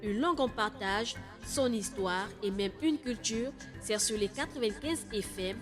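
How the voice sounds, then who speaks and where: A woman of medium pitch reads a scripted radio programme promo a little slowly, with a loud music bed underneath.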